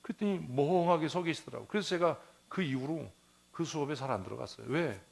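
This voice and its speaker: A man's voice: fairly high pitch, animated, brisk, vocal fry. A male pastor preaching a sermon in a church, asking the congregation questions and answering them himself, repeating phrases for emphasis.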